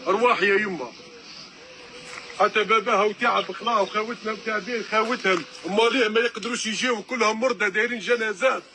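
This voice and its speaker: A man's voice: sits high, quick pace, pushed and bright. An Algerian man making an impassioned street appeal, urgent, pleading and repeating himself as a spokesman for relatives. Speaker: spokesman for relatives of missing migrants. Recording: faint background noise.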